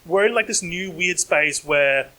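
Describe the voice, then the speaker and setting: A man's voice: on the high side, bright, forceful tone, low-quality recording. A young man on a comedy panel, talking in long run-on stretches full of fillers. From Australia. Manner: fast, run-on, heavy fillers. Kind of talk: panel discussion. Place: conference stage.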